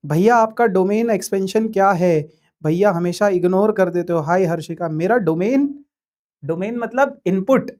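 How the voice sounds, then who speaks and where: A man's voice: high-pitched, darkish tone. A man teaching a live online class, chatting and joking as he reads viewer messages aloud. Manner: hesitant fillers.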